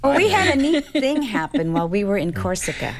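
A woman from Northern California, a guest singer, telling a story in an interview with animated, warm delivery. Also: medium pitch, brisk, over music. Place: radio studio.

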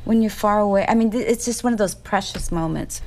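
A woman from Northern California, a guest singer, telling a story in an interview with animated, warm delivery. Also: mid-range voice, fairly quick. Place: radio studio.

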